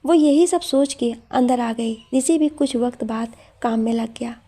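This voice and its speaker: A woman narrating a scripted story in a calm, steady manner. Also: a little high, a little slow.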